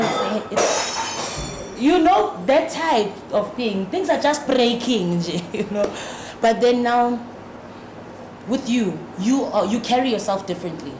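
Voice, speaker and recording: A lively South African woman hosts a podcast interview and drops Zulu words into her English questions. Her voice sits in the middle of the range. It sounds echoey, with clear background noise in the room. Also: medium pitch. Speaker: podcast host.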